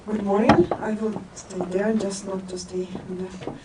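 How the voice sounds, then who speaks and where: A woman's voice: mid-range voice, flat delivery, a little slow. Hesitant woman, far off. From Ukraine. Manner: hesitant, many fillers. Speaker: press secretary. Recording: distant mic with background noise.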